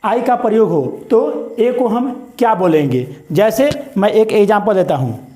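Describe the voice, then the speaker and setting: High-voiced Indian man teaching English words. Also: expressive, warm tone, roomy sound. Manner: repeats words slowly and drawn out, asks "what is it?". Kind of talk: spoken pronunciation lesson.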